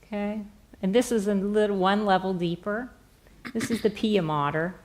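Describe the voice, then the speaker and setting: A middle-aged woman gently and softly explaining a hands-on therapy demonstration step by step on stage. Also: medium pitch, fairly even intonation, moderate pace, poor audio. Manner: gentle, soft-spoken. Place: on a stage in a theatre, indoors.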